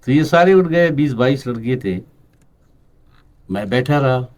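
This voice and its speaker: A middle-aged man from Balochistan, a writer and actor, telling anecdotes in an unhurried interview style with pauses, acting out other people's lines. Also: mid-range voice, lively intonation, a little mellow. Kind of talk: relaxed interview storytelling.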